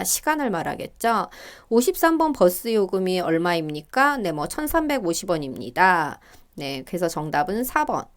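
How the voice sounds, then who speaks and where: A middle-aged woman teaching Korean works through reading test questions, thinking aloud with fillers and small laughs. When she reads the example dialogues aloud, her voice turns higher and livelier.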